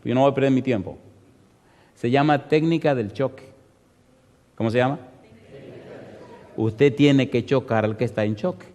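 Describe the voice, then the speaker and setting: A man's voice: mid-range voice, moderate pace, pauses often, warm tone, long reverb tail. A male pastor preaching a sermon, telling a story with emphasis and firing rhetorical questions at the congregation.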